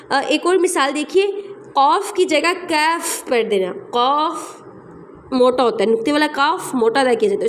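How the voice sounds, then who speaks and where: A woman teaching a recitation class online, explaining patiently and repeating sounds and examples slowly. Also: high voice, a little hiss or hum. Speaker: tajweed teacher.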